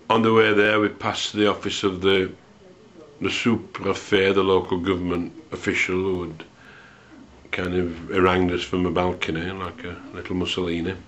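A man recalls an old memory in a low, unhurried voice, pausing often and slipping in dry, wry asides. The recording is dull and lo-fi, with the top end muffled. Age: 60s. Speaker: storyteller recalling a student memory. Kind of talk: unscripted spoken memoir.

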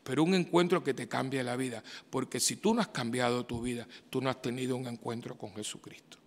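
A man, a priest giving a homily in a conversational way, full of rhetorical questions and sudden loud outbursts. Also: medium pitch, fairly even intonation, brisk. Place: church. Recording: reverberant church hall.

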